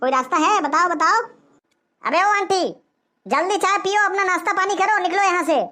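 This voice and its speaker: A woman voicing a young male cartoon sidekick who talks rough and scolds. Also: very high-pitched, moderate pace, pushed and bright. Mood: scolding. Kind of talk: cartoon voice acting.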